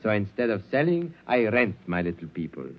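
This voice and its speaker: An actor playing a mysterious, proud foreign dollmaker in a 1950s radio drama, speaking with pompous, ceremonious phrasing. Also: male voice, lowish voice, big pitch swings, brisk. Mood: grandiose, proud. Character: mysterious theatrical dollmaker, proud, grandiose, foreign-sounding showman. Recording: muffled vintage radio broadcast, faint music.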